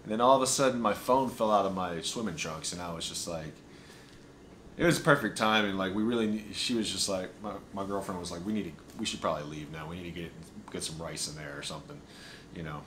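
A young man chatting casually in a travel vlog, describing food and his day in a relaxed, enthusiastic way. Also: low voice, fast, slight background noise. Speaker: vlogger. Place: hotel room and small restaurant.

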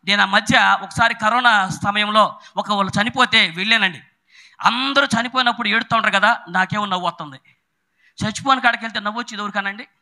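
A middle-aged male preacher, delivering a sermon with sudden shouted bursts and chatty storytelling. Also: high voice, fast.

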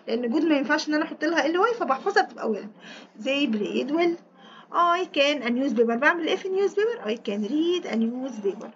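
An Egyptian woman teaching English. She explains fast in Egyptian Arabic, reads the English lines slowly and spells words out letter by letter. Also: high voice, muffled recording, slight background noise. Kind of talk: recorded exam walkthrough lesson.

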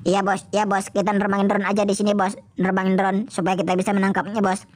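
A woman's voice: mid-range voice, completely flat delivery, fast. A woman in a game role-play, eagerly deferring to her boss. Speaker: role-play sidekick voicing characters.

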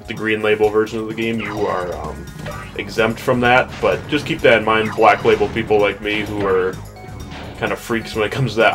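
Young male let's player, low voice, casual rambling commentary recorded in a bedroom over game music. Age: young adult. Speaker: let's play host. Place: small bedroom at home. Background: video game music.

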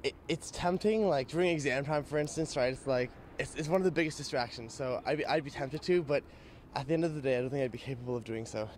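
A man's voice: mid-range voice, fast, darkish tone, slight background noise. A young male student answering a street interview outdoors, speaking into a reporter's handheld mic. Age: young adult. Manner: easygoing, talks with restarts and "like". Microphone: reporter's handheld microphone.

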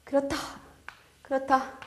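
A woman leads a language lesson with a fairly high voice and a slow, measured pace. She explains each point in a friendly, encouraging way and reads her examples aloud slowly and carefully. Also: monotone. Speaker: Chinese language teacher.

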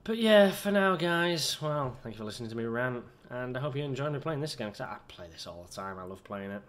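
A man's voice: mid-range voice, fast talker, slight background noise. A man chatting loosely over a game he is playing, wandering from topic to topic and poking fun at himself. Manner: chatty, wandering, self-mocking. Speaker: gaming video host. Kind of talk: rambling gameplay commentary.

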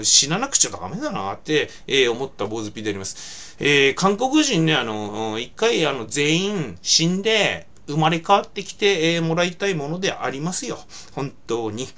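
A man with a high, bright voice talks alone to his viewers in a casual video-blog monologue. His pitch swings widely as he rambles, padding his speech with fillers and rough, colloquial phrasing. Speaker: video blogger.

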